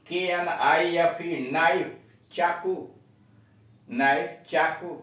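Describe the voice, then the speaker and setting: A man's voice: fairly high pitch, fairly even intonation, drawn-out words, fairly bright tone. A man teaching an English lesson, spelling out each word letter by letter and then giving its meaning. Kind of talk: spoken language lesson. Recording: echoey room from far off.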